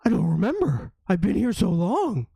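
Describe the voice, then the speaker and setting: A man's voice: sits high, huge pitch swings, moderate pace, gravelly, mellow, breathy edge, no room sound, pitched above the performer's own voice, exaggerated voice. A man voicing a lonely, hungry, friendly big dog in a tabletop game, naive and plaintive. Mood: wistful.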